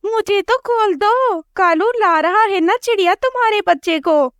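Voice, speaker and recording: A woman's voice: very high-pitched, unhurried, no room sound, studio quality, pitched above the performer's own voice. A woman voicing a rude, bossy cartoon crow wife who talks shrilly. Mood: scared. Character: rude nasty female crow.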